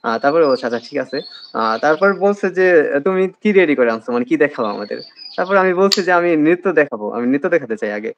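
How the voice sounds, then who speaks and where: Telling the story of his admission test, a young interview guest speaks quickly and animatedly in a slightly high voice, with a Bangladeshi Bengali accent and lots of hesitant fillers. The recording has cut-off highs and a noisy background.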